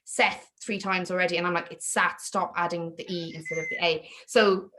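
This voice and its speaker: A woman's voice: fairly low pitch, fairly even intonation, normal speed, sharp tone. Chatty woman presenting at an online meetup. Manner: chatty and self-deprecating, with many restarts. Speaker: guest speaker on leadership and inclusion.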